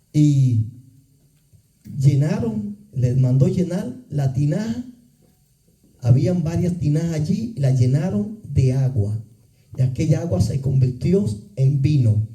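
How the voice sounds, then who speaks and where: A man preaching a sermon in a church, swinging his pitch widely and crying out quoted pleas. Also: dark tone, reverberant, distant mic, poor audio. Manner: sweeping pitch swings, dramatic quoted cries. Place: church sanctuary.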